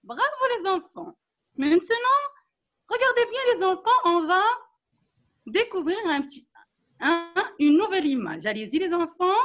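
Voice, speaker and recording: A woman teaching an online class for young children, speaking slowly and patiently, encouraging them and repeating instructions over a video call. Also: very high voice, big pitch swings, pushed and bright, soft background music. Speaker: primary school teacher. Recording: dull lo-fi online call audio.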